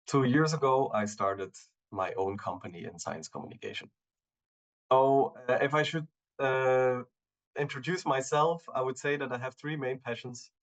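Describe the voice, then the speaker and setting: A man in his thirties from Belgium, giving a relaxed talk over a video call, with many fillers and restarts. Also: lowish voice. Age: 30s. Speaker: guest speaker.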